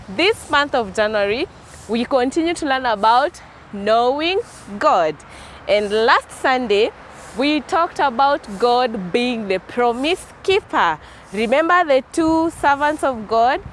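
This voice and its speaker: A woman's voice: sits high, animated, measured pace, low-quality recording. A woman hosting a children's Sunday school, speaking in simple phrases and asking the children questions, recorded outdoors. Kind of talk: presenting to children. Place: outdoors among greenery. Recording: outdoor recording with faint noise.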